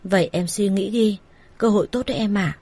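A woman's voice: medium pitch, fairly quick, warm tone, slightly rough, dry recording. A woman voicing a persuasive older brother who coaxes his younger sister in an everyday voice. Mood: coaxing. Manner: coaxing, persuasive. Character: coaxing older brother, a smooth-talking manager.

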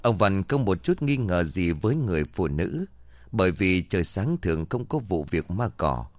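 Low-voiced man telling a ghost story. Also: sing-song, normal speed, no echo. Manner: voices the characters' lines himself.

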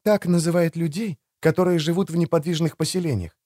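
A man voicing a quiet, wary young female exile, in a storybook reading. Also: fairly high pitch, very animated, moderate pace, no room sound, studio quality, pitched above the performer's own voice. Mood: hushed. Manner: quiet, whispering.

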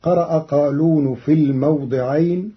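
A man from Egypt, a Quran reading scholar, gives a formal, measured radio explanation and chants quoted verses slowly. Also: on the high side, fairly even intonation. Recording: dull lo-fi archival radio broadcast.

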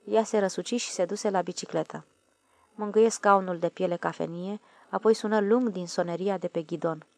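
A woman reading a literary audiobook in a calm, measured way. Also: lowish voice, vocal fry, dry recording. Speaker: audiobook narrator.

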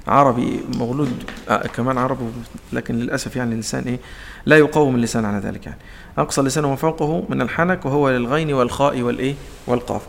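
Gravelly Egyptian sheikh teaching recitation. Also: male voice, medium pitch, racing, in a large hall, slight background noise. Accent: Egyptian Arabic. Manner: asks his own questions and answers them, demonstrates sounds. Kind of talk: explanatory lesson in colloquial speech.

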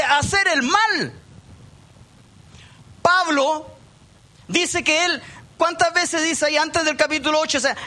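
High, bright-voiced Chilean pastor preaching. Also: male voice. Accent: Chilean Spanish. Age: middle-aged. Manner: conversational preaching with asides to the congregation. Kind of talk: sermon. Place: church meeting hall.

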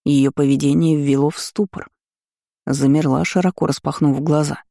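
Audiobook narrator, steady measured reading, mellow dark tone, light fry, dry close sound. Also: medium pitch, no echo.

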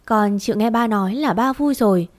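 A woman voicing an aging, gentle father who speaks slowly in a choked, pleading way. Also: a little high, no echo, lightly acted. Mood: tearful.

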